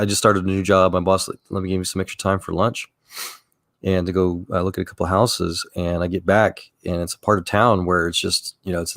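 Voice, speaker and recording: A man with a somewhat low voice talks in a relaxed, chatty way. He wanders through personal anecdotes, restarting phrases and chuckling as he goes. The sound is dry and close. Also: gravelly, dry recording. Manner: rambling storyteller, frequent restarts and chuckles. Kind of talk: casual chat.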